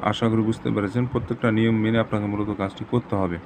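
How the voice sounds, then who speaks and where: A man hosting a channel, giving step-by-step ritual instructions in a steady, repetitive way. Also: on the low side, fast, noisy background. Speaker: tantric channel host. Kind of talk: instructional talk to camera.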